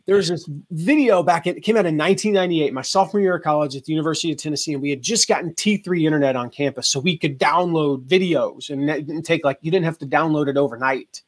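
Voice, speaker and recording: Lively storytelling man, somewhat high voice. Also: quick pace, hardly any pauses, slightly rough. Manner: animated storyteller, acts out quoted voices. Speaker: guest, affiliate marketing entrepreneur. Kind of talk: casual interview storytelling.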